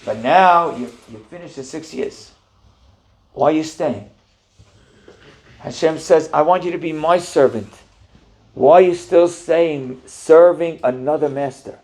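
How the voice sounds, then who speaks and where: Male rabbi, high voice, animated questioning sermon. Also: unhurried, long pauses. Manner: animated, questioning Torah teaching.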